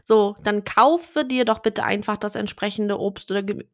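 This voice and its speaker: A woman co-hosting a podcast, chatting casually and bluntly with quick slangy remarks while playing a guessing game. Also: mid-range voice. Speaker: podcast co-host.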